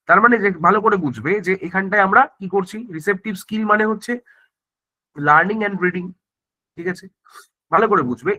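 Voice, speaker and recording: A man's voice: high voice, sharp tone, rough recording. A male teacher giving an exam-prep grammar lesson, explaining step by step, checking in with tag questions and often restarting his words. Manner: frequent self-corrections and restarts.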